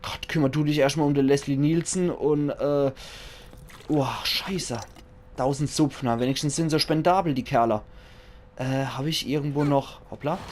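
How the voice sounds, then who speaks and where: A man's voice: mid-range voice, darkish tone, slight background noise. Jokey Palatinate-accented man gaming. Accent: Palatinate German. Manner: jokey, chatty, talks to himself while playing. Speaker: let's play commentator. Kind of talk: casual gaming commentary.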